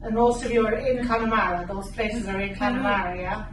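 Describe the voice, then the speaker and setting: A woman's voice: medium pitch, fairly even intonation, brisk. A woman informally prompting others during an interview with leading questions. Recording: very echoey room, distant, noisy.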